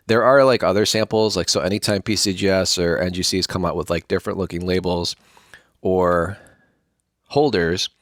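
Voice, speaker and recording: Low-voiced male vlogger, loose and rambling unboxing talk, dry close mic. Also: no room sound. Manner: rambling, chatty, thinks aloud with many fillers. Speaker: coin collecting vlogger. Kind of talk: casual unboxing talk to camera.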